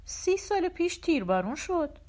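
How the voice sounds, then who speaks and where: A woman reading an audiobook voices an older male army sergeant-major who speaks quietly and gravely. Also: sing-song. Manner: speaks softly, low and hushed.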